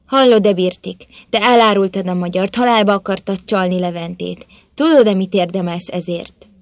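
A woman's voice: medium pitch, fairly even intonation, darkish tone, dry recording, close to an everyday voice. A woman voicing a stern male warrior chieftain in a storybook reading, commanding and declamatory.

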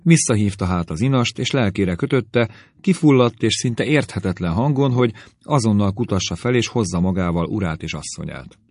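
A man narrating an audiobook in a steady, measured way. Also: fairly low pitch, no echo, studio quality. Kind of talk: scripted narration.

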